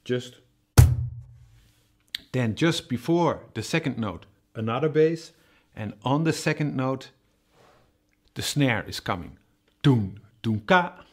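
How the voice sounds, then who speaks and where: A man explains a cajon groove at a very slow, deliberate pace, stopping often with "uh" as he goes. He speaks the drum strokes aloud to show the rhythm. His pitch sits in an ordinary middle range. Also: expressive. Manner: slow, patient, with many "uh" fillers and spoken drum sounds. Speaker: cajon teacher. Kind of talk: music tutorial.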